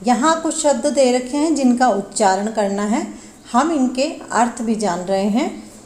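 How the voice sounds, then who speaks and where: Slow, high-voiced woman teaching a lesson. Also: lively intonation, darkish tone, echoey room. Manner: reads each Sanskrit line slowly, then explains it in Hindi. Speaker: Sanskrit teacher. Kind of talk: textbook lesson explanation.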